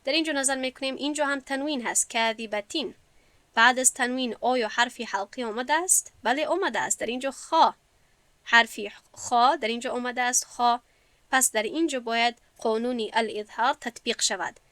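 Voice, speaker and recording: A woman with a Tajik Persian accent, teaching a classroom lesson and slowly stretching out example words as she explains them. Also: a little high, a bit bright, dry recording. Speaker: Quran recitation teacher.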